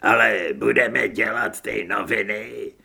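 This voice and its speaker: A man's voice: lowish voice, fairly even intonation, gravelly, pushed and bright, slightly rough, pitched below the performer's own voice, full character voice. A man reading an audiobook, voicing a polite male dwarf printer who speaks apologetically. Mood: apologetic.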